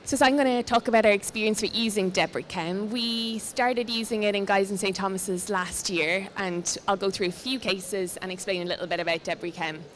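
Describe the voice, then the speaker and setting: A woman's voice: mid-range voice, steady tone, normal speed, few pauses. A young woman giving a live clinical presentation on a handheld microphone. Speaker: podiatrist, co-presenter. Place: exhibition stand in a large busy indoor hall. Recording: live hall with clear background noise.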